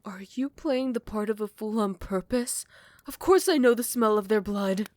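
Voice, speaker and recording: She's a voice actress, lightly acting at a normal speed with a medium-pitched voice. The ASMR character is a possessive vampire queen whose soft, close whispers give way to angry shouting and threats.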